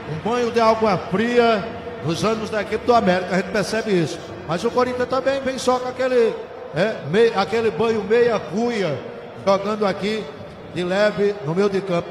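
High-pitched Brazilian man narrating football. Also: normal speed. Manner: colloquial, excitable, full of stock catchphrases. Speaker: play-by-play football commentator. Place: open stadium press stand. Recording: noisy, echoey live stadium recording. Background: stadium crowd ambience.

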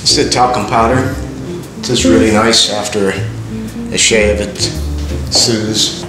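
A man's voice: lowish voice, fairly even intonation, unhurried, loud music behind the voice. An older man, a master barber, confidently explaining shaving while he works in a large barber shop. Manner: confident, instructive. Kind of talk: explaining his craft. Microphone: far camera mic. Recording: echoey room, far from mic.

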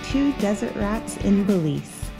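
A woman's voice: medium pitch, sing-song, takes it slowly, gravelly, music in the background. A middle-aged American woman hosting a travel vlog from inside a car, asking friendly, curious questions. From United States. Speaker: vlog host. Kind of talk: casual travel vlog, interviewing. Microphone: camera on dashboard.

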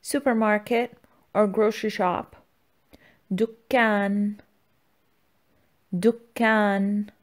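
A woman's voice: mid-range voice, fairly even intonation, slow, long pauses. Woman teacher narrating a scripted lesson. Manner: instructional, enunciates words and repeats them. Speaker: language teacher, channel host.

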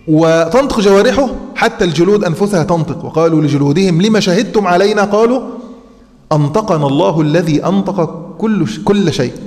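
Egyptian male sheikh lecturing, higher pitch, asks and answers his own questions, stops on fillers; long hall reverb. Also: a little mellow. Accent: Egyptian Arabic. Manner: explains by posing rhetorical questions, with frequent hesitant fillers. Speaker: sheikh teaching Quran commentary. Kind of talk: classroom lecture on scripture.

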